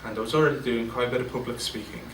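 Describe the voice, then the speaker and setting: In a large event room, a guest speaker in his forties gives an informal business speech, candid and self-deprecating, stopping and restarting often. His middling-pitched voice is steady in tone and rapid-fire, captured by a distant mic across a roomy space with a faint hum of ambience.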